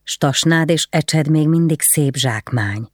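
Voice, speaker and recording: A man's voice: fairly high pitch, no room sound, clean studio sound, lightly acted. A narrator doing a grave, dutiful nobleman. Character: grieving stern nobleman, duty-bound, weary.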